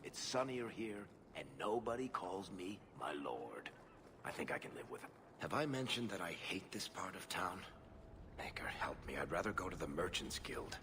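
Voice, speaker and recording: Casting: worldly wisecracking merchant rogue, video game. Deep register, animated pitch, dry wit. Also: male voice, noisy background. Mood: wry, weary. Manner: dry, sardonic, quick-witted. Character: wry merchant rogue, sardonic, worldly storyteller. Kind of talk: video game character dialogue.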